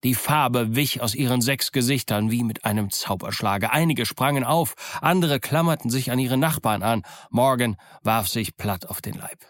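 A man narrating a classic adventure story in the first person, measured and dramatic. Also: mid-range voice, dry recording. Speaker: audiobook narrator.

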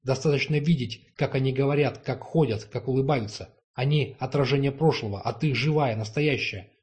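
A man's voice: mid-range voice, a little fast, darkish tone, close to an everyday voice. A man reading the lines of a passionate young duke in an audiobook, heated and insistent. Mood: ardent.

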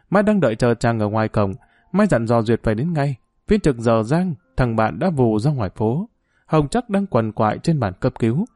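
A man narrates a story in a steady, even telling voice. His pitch sits in the middle for a man. The recording is dry and close, with faint music behind. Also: dry recording. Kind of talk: audiobook narration.

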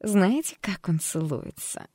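An audiobook reader voicing a mocking, unhinged female alter ego who talks in a hoarse, hissing, capricious way. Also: medium pitch, expressive, unhurried, mellow, no room sound, clean studio sound, pitched above the performer's own voice. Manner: taunting, capricious, cheeky. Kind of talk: audiobook character voice.

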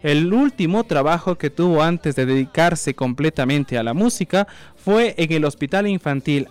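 A man's voice: a little high, smooth. A man presenting a music biography in a conversational narrating style.

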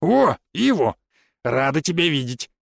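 A man's voice: on the high side, normal speed, gravelly, fairly bright tone, no echo, clean studio sound. A man voicing a kind, friendly middle-aged village woman who fusses over her guests. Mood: welcoming. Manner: friendly, fussing, caring.

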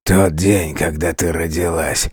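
A crippled demon king, as a narrator puts him on, a broken and hateful creature who drags out his words in a slow, bitter hiss. His voice sits very low and dark, then cracks into frantic, straining cries. It is recorded dry and close, with no room around it. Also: steady tone, slightly rough, dry recording, full character voice. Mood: bitter, hollow. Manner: slow, bitter hissing, swinging between hollow mutters and raving cries. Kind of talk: audiobook character voice.

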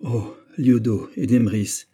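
A man's voice: mid-range voice, slow, mellow, breathy edge. A man voicing a proud minister of state who speaks in a despairing, stern way. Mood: anguished.

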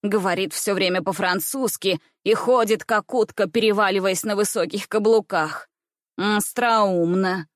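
A woman voicing a bossy, mocking schoolboy who drawls his sneers slowly and with emphasis, in a storybook reading. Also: medium pitch, no echo, studio quality, lightly acted.

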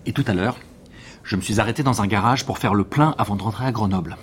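A man's voice: lowish voice, fast, a little hiss or hum, close to an everyday voice. An actor playing an eager male witness who insists on explaining everything at length.

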